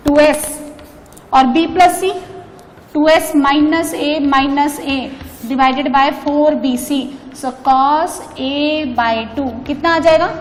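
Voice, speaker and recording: A woman teaching maths, prompting students to answer and mixing Hindi and English. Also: high-pitched. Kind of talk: blackboard maths lecture. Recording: classroom with long reverb, faint noise.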